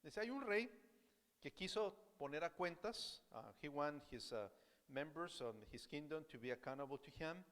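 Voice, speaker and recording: A man's voice: fairly high pitch, unhurried. Man preaching a bilingual sermon in a reverberant hall. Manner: switches between Spanish and English, repeating each point; animated, asks the congregation questions. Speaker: pastor. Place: church sanctuary.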